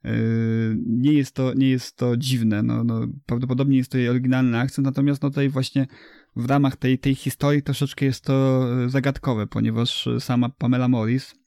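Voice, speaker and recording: A man's voice: mid-range voice, level tone, moderate pace, warm tone, no room sound, studio quality. A man co-hosting a casual, analytical film discussion in a hesitant, wordy manner, often tagging phrases with a questioning filler.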